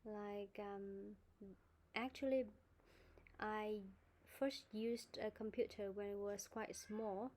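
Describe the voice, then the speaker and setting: Woman, Vietnamese accent, speaking tutor, even tone, faint background hiss. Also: mid-range voice, slow pace. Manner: explains words in Vietnamese, models answers. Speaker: IELTS speaking teacher. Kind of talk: online speaking class, correcting students.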